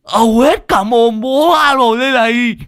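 A man voicing a loud scarred man who yells in a shrill voice. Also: moderate pace. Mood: shrill yelling. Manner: shrill, shouting.

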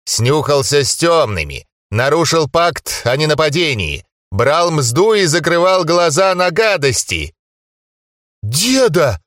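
The ghost of an ancient gnome grandfather, as a man puts him on, speaking in a slow, sepulchral drawl that stretches every word. He scolds in a folksy, rambling way, pitched a little above the reader's own voice, with lively rises and falls. The recording is dry and close, with no room sound. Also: dry recording. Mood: scolding.

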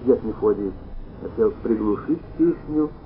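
A man narrating a literary story aloud in an expressive, animated reading style. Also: on the low side, measured pace. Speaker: audiobook narrator. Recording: tinny phone-like sound, faint noise.

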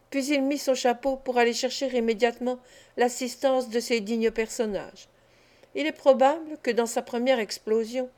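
A woman narrating a classic novel as an audiobook, in a measured, expressive reading. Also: a little high. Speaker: audiobook reader.

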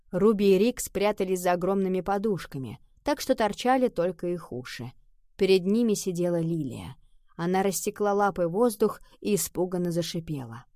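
A woman narrating an audiobook in a steady, even storytelling manner. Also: fairly low pitch, no echo, studio quality.

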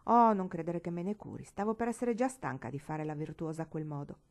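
A woman voicing a sharp, sulky girl. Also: sits low, expressive, brisk. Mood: offhand. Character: proud pious young girl, sulky.

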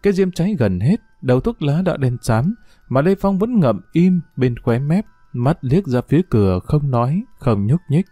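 A man narrating a detective story in a steady, measured reading. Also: medium pitch, no echo, faint music behind.

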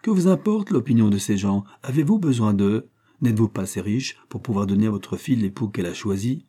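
A man's voice: fairly low pitch, lively intonation, a little fast, mellow. A man voicing a proud, strong-willed young heiress who speaks firmly and coolly. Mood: resolute. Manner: firm, cool and resolute.

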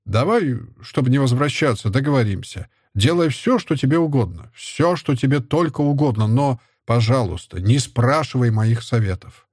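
A bitter middle-aged scholar full of disgust and self-contempt, played by a male reader. His voice is husky and mid-pitched, and the dry, close sound gives every outburst an edge. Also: animated, normal speed, darkish tone, no echo. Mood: irritated. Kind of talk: audiobook character voice.

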